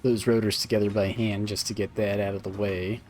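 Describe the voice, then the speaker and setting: A man chatting casually through a gaming stream, thinking aloud with plenty of fillers and playful asides. His voice sits a little low. Faint music plays behind him. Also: little pitch movement, a little fast, a little mellow.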